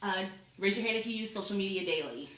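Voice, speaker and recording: In an echoey classroom, a college-age young woman speaks quickly in a mid-range, slightly bright voice, giving her classmates a casual persuasive talk and addressing them directly. The recording comes from a camera positioned across the room.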